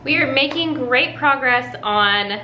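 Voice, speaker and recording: A woman's voice: high voice, animated, takes it slowly, pushed and bright, a little hiss or hum. A woman chatting casually to camera as a home makeover vlogger, explaining her DIY steps in an informal way.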